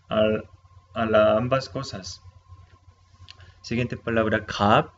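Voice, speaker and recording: Guy teaching vocab, repeats everything, keeps asking "right?", kinda dull lo-fi audio. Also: medium pitch. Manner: patient, repeats words slowly, checks in with "¿sí?". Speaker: Korean language teacher. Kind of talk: explaining vocabulary to a video audience. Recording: slightly dull sound with faint noise.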